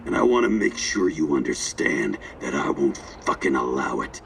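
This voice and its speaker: Very gravelly, vengeful tough guy. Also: a bass voice, big pitch swings, moderate pace, slight background noise, full character voice. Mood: menacing, intense. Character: volatile, vengeful, foul-mouthed tough man. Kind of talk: video game dialogue acting. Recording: slightly distant, music behind.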